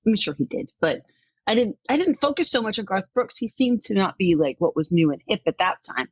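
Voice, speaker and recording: A woman's voice: medium pitch, very animated, fairly quick, slightly rough, no echo, dull audio. A middle-aged woman from Denmark, a country music artist, chatting animatedly in an interview and laughing often. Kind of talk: casual interview talk.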